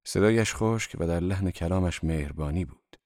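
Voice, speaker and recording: A man with a very low voice narrates an audiobook in a steady, measured way. The sound is dry and close to the mic, with no room echo.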